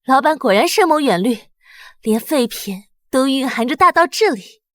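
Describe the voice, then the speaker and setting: An earnest young shop assistant in a motion comic, speaking of her boss with solemn reverence. Her voice sits high, recorded dry and close. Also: expressive, moderate pace, a bit bright, dry recording.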